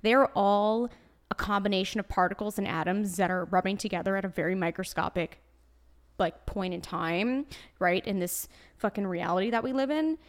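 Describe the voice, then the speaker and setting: A woman's voice: medium pitch, normal speed. A woman in her late twenties with a Brooklyn New York accent, talking casually as a podcast host, sassy, blunt and swearing freely. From New York, USA. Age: late 20s. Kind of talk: casual solo podcast talk. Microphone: desk microphone.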